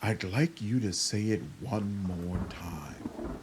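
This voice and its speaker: A man voicing a sly, coldly offended demonic creature, thrumming with quiet menace. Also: slow, slight background noise. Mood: menacing anticipation. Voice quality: low, thrumming.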